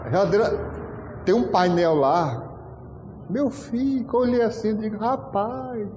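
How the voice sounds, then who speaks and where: A pastor preaching a storytelling sermon, animated and acting out dialogue with frequent laughter. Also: male voice, sits high, moderate pace, slight background noise. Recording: echoey hall with long reverb.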